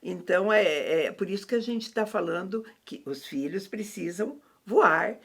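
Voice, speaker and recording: Husky, gravelly-voiced woman musing. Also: mid-range voice, expressive, measured pace. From Brazil. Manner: reflective, lots of hesitant fillers. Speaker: host.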